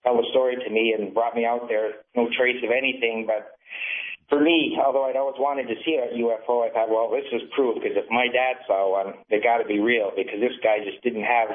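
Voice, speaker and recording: A man from Michigan calling into a radio show, telling a story in a halting way with many restarts over a tinny phone line. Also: medium pitch, fairly even intonation. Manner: halting, restarts mid-sentence. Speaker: caller. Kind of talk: casual call-in storytelling. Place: empty conference room. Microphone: smartphone speakerphone. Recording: tinny distant speakerphone call.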